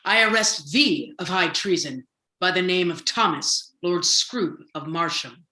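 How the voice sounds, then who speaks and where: A woman playing a stern officer, proclaiming formally and forcefully in a Shakespearean stage style in an echoing room. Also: on the low side, animated, unhurried. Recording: roomy echo.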